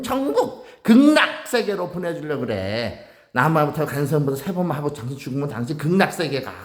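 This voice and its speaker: A man preaching a sermon as pastor, fiery and rebuking, acting out voices and shouting. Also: a little high, echoey room.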